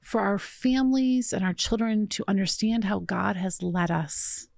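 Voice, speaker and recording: A middle-aged woman from New York hosting a conversational podcast interview, chatty and quick to laugh. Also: mid-range voice, creaky, no echo, clean studio sound. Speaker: podcast host.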